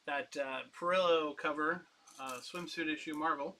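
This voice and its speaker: A man's voice: fairly high pitch, steady tone, normal speed, bright, forceful tone, a little hiss or hum, poor audio. A man running a casual live-stream comic auction, chatty and upbeat, rambling and laughing as he talks.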